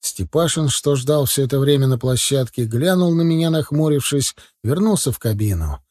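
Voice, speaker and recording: A man reads a novel aloud in the first person with steady storytelling pace. His voice is husky and mellow-dark, recorded close and dry with no room sound. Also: mid-range voice, normal speed, dry recording. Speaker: audiobook narrator. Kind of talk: scripted audiobook narration.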